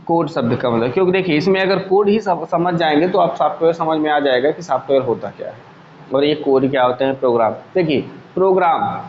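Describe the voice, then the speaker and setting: Guy teaching a computer class, kinda high voice, echoey lo-fi room. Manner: explains step by step with everyday examples, asks the class questions. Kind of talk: classroom lecture. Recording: echoey room, dull lo-fi sound, faint hum.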